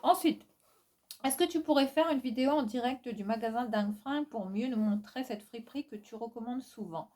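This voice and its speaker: A woman's voice: on the high side, a little fast, darkish tone. A woman with a Réunionese accent, casually answering viewer questions in a vlog, frank and teasing, laughing often as she talks. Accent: Réunionese French.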